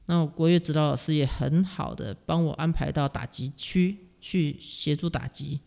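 This middle-aged woman from Taiwan, a music teacher, tells stories as a guest in a casual interview, speaking Taiwanese-accented Mandarin at a normal speed. Her low voice carries some vocal fry, and she stays animated and self-mocking, with frequent laughter.

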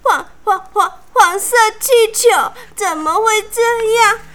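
A woman's voice: slow, full character voice. A woman voicing a spoiled little princess girl who sobs and wails shrilly. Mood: wailing. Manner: sobbing, shrill, loud wailing.

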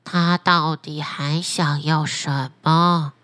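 A woman voicing a solemn magic flounder that speaks slowly and quietly in a fairy tale. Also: deep voice, flat delivery, no room sound, pitched below the performer's own voice. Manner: slow, grave, quiet.

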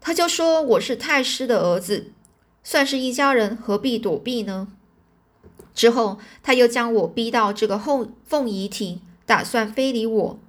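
A woman reading a storybook, voicing a young female palace beauty who pleads tearfully. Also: fairly high pitch.

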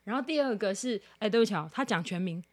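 A woman from Taiwan chatting casually as a podcast co-host, telling an animated story, mimicking other people's voices and laughing often. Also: mid-range voice, fast talker. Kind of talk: casual chat.

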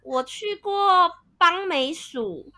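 A woman's voice: very high-pitched, lively intonation, extremely slow, pushed and bright. A woman in her thirties from Vietnam, chatting casually as a co-host, laughing often and explaining things at length. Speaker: podcast co-host. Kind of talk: casual chat.

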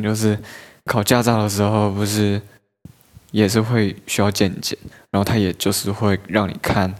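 A man's voice: on the low side, darkish tone. A young man telling funny stories about himself in a chatty, self-mocking way and laughing often. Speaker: podcast host. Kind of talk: casual storytelling monologue.

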